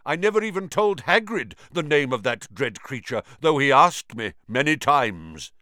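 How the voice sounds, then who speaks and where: Croaky old giant spider done by a guy, slow and grim, pitched up higher and louder than his normal voice, dry sound. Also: animated, no echo. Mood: fierce. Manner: slow, solemn, clicking menace. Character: ancient giant male spider, grave and fretful.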